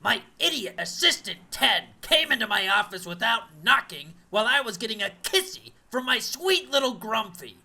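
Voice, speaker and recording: This is a woman doing a haughty boss with a gravelly, sharp edge to her voice. She is condescending, and her speech is slightly muffled as though by a face cast. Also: mid-range voice, normal speed, few pauses. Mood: scornful.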